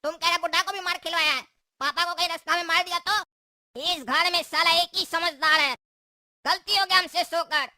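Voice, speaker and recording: Cocky young cartoon hero, brags nonstop, very high bright voice. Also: female voice, fairly even intonation, fairly quick, no echo, studio quality, exaggerated voice. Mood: brash. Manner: bragging, teasing. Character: boastful cocky young male troublemaker.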